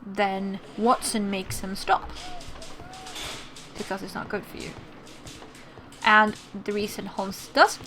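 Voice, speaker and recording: A woman with a mid-range, slightly bright voice hosts a gaming video, casually commenting on a playthrough and reading game text aloud. Her accent blends American and British, and the audio is pretty noisy.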